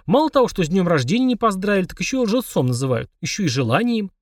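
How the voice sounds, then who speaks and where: A man voicing a greedy, blunt male demon who talks in a flat, unbothered, snide way. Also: high voice, fast talker, no echo, clean studio sound, far from the mic, voice pushed up. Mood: indignant.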